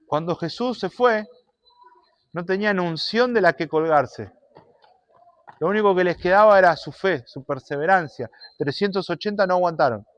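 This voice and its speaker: Guy preaching, tells stories, gets loud then soft, slightly high voice. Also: normal speed. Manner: animated storyteller, shifts between loud and soft. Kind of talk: sermon with storytelling.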